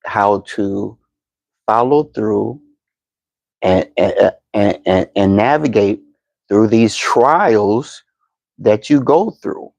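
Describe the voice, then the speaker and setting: A man in his fifties with a low, gravelly voice, hosting a podcast. He lectures slowly and deliberately, stumbling on repeated words and fillers. His voice sits close and dry, with no room around it. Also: a little mellow, no echo, dull audio. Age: 50s. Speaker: podcast host. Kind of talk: motivational talk to camera.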